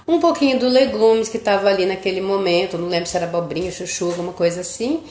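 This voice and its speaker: A woman's voice: medium pitch, fairly even intonation, fast, darkish tone. A middle-aged woman hosting a live stream, telling a family story in a chatty, casual way and often tagging her sentences with a questioning "right?". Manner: chatty, keeps asking "né?" after her sentences. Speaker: host of a live stream about children's nutrition. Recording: roomy echo.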